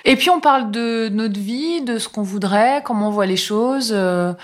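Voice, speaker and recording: A middle-aged woman with a fairly high voice and moderate pace relates a personal anecdote. She keeps it casual and chatty, using lots of fillers and acting out lines of dialogue.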